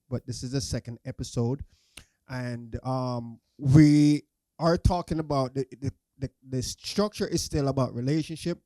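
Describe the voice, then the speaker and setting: Hesitant, mellow-voiced male host. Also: mid-range voice, no echo. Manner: hesitant, many fillers, laughs often. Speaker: podcast host. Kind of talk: casual interview.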